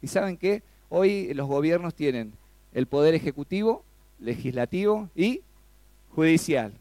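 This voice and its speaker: An Argentine man preaches with a gravelly, fairly high voice. He gets animated, throws questions at his listeners and leaps up in pitch when he acts out a plea. The sound is dry and close, with no room echo. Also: a little slow. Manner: animated, rises sharply when acting out pleas; asks the congregation questions. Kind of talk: sermon.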